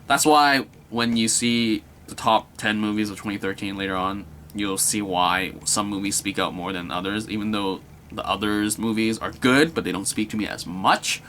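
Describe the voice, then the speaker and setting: A man's voice: on the low side, moderate pace, a bit bright, slight background noise. A young man giving a casual, enthusiastic movie review, rambling and repeating himself with many filler words.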